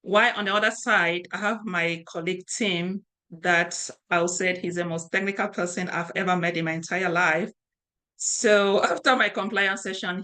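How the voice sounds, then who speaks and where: A middle-aged woman from Cameroon runs an online cybersecurity class. Her voice sits a little low, and her delivery is casual, with fillers and restarts. She is picked up by a webcam mic on a video call. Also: bright, forceful tone. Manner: conversational, with frequent fillers and restarts. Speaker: cybersecurity instructor and training founder. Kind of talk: online training session presentation.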